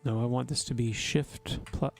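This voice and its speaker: A man's voice: mid-range voice, fairly even intonation, normal speed, creaky, a little mellow, soft background music. Man chatting to his stream chat. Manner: chatty, talks directly to chat with wry teasing asides. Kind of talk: casual livestream commentary while gaming.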